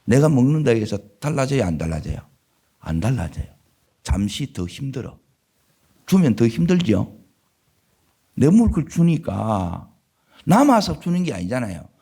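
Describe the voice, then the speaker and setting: A male pastor with a Gyeongsang Korean accent preaching a sermon in a church, asking the congregation questions and swinging between loud emphatic lines and low murmured asides. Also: sing-song, normal speed, creaky, pauses often, husky. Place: church sanctuary.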